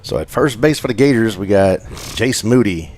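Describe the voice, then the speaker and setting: A man's voice: on the low side, animated, moderate pace, a little mellow. Man, local baseball announcer, casual joking commentary, reads sponsor lists. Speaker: play-by-play announcer.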